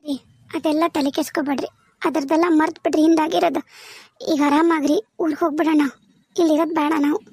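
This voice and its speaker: A woman's voice: sits high, level tone, fast, a little mellow. A woman voicing a soothing village wife. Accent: North Karnataka Kannada. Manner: soothing, practical. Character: anxious village wife caring for her husband. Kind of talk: cartoon voice acting.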